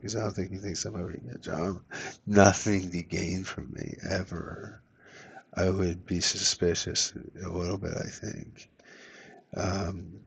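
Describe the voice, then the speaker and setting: A man's voice: sits low, gravelly, slightly rough. A middle-aged man telling a rambling personal story, profane and meandering with many fillers. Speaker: vlogger.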